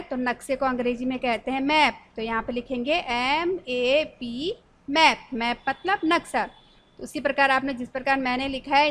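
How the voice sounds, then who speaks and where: A woman's voice: high-pitched, a bit bright. A woman teacher leading a spelling lesson for young children, spelling each word out letter by letter and asking the class questions. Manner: slow, spells words letter by letter.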